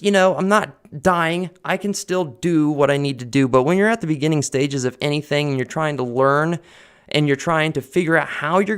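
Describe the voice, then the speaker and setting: An earnest male vlogger with a loud, gravelly voice on the high side talks casually and personally to camera. He rambles with many fillers and restarts, recorded on a desk condenser mic mounted on a boom arm.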